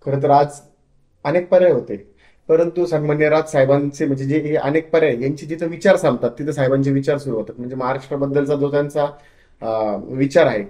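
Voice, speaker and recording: A young man from Maharashtra answers an interviewer's questions about his political work. He sounds earnest and loyal, his sentences sometimes stumbling and restarting. His voice is mellow and dark, and the room around him rings back. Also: a little high, steady tone, a little fast, roomy sound. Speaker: political party worker, interview guest.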